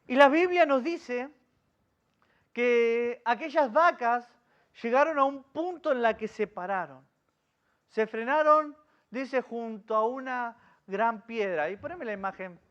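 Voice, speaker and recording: A man's voice: very high-pitched, measured pace, clear, resonant tone, lo-fi sound. A man with an Argentine accent, a pastor leading a Bible study, telling the story vividly and asking his listeners questions. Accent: Argentine Spanish. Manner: lively storyteller who quizzes his listeners.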